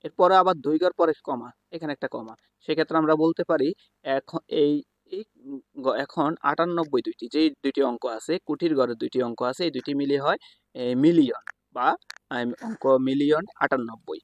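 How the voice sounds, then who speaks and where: Halting man teaching a math lesson. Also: on the high side, no room sound. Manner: halting, with fillers and self-corrections. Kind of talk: explaining a lesson while writing on a board.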